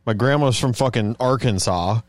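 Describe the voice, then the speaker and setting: A man's voice: medium pitch, fairly quick, no room sound, clean studio sound. A man from California, talking in a laid-back, teasing way and saying "like" often in casual chat.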